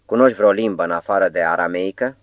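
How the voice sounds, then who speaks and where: A man's voice: sits low, no room sound, muffled recording, lightly acted. A man reading an audiobook, voicing a sick, stern Roman governor in a faint, weary voice. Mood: cold. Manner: curt, cold questioning.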